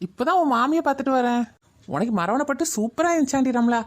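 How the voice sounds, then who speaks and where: Woman voicing a fast sarcastic scold. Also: high voice, lightly acted. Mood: plain. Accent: Kayalpattinam Tamil. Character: sharp-tongued scolding older woman. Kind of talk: cartoon voice acting.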